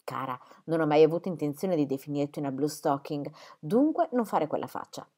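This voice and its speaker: A woman's voice: sits low, lively intonation, fairly quick, warm tone. Woman reading as a prim scolding mum, audiobook voice, swoopy. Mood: sweet. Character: fussy, sharp-tongued middle-aged mother.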